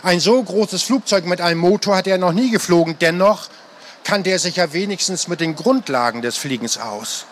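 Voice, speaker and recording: High-voiced man reading a story aloud. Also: expressive, normal speed, slight background noise. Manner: dramatic storytelling, acting out the characters. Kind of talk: live reading of an adventure novel.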